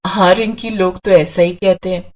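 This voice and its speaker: A kind young new bride who keeps the peace in a village cartoon story, as a woman voices her. She speaks calmly and gently, in a plain everyday voice. She is patient and soothing with everyone. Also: on the low side, normal speed, natural voice.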